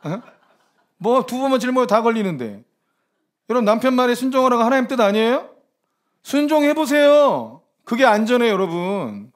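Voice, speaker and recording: High, animated Korean male preacher. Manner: lively, teasing preaching with rhetorical questions to the congregation. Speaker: pastor. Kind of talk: sermon.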